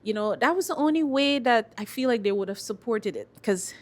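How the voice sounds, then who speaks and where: A woman's voice: a little high, animated, a little fast. A woman with a Guyanese accent speaking casually as a singer being interviewed, emphatic and repeating phrases for stress. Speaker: singer-songwriter, interview guest.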